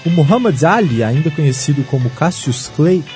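A man's voice: fairly high pitch, animated, moderate pace, dark tone, soft background music. A man with a Brazilian accent reading scripted history narration as a show host, with a wry manner.

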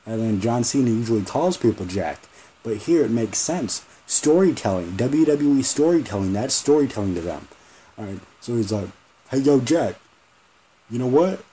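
A low-voiced man rants on his solo podcast, jumping between ideas and swearing freely. His tone is dark and mellow, with a faint noise floor underneath. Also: expressive, normal speed, low-quality recording. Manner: rambling, profane, joking. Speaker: podcast host. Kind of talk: casual solo podcast rant.

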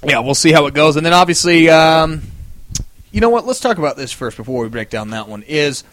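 A man's voice: fairly high pitch, expressive, a little fast, fairly bright tone, no room sound. Man hosting a casual sports podcast. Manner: leads the segment, asks others for picks. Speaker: host.

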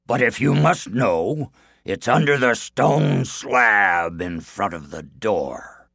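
Guy doing a gruff suspicious giant, slow bellowing, gravelly and low. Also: lively intonation, fairly bright tone, dry recording, studio quality, exaggerated voice.

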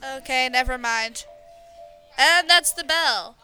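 A woman plays a blunt teenage girl running her own segment in an audio drama. Her voice is high, smooth and bright, and she sounds offhand. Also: takes it slowly, faint music behind, exaggerated voice, poor audio.

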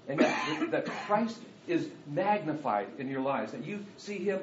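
A man preaching an earnest sermon, stumbling over his words and circling back to them. His voice sits a little high for a man. The recording is dull and roomy, with faint noise behind him. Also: darkish tone. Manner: earnest, repetitive preaching with many restarts. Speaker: pastor.

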